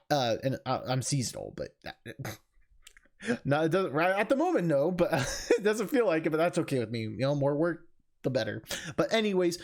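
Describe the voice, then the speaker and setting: A video game streamer with a medium-pitched, slightly mellow voice reads a visual novel aloud and chats casually with viewers in an informal, vlog-like way. Music plays in the background.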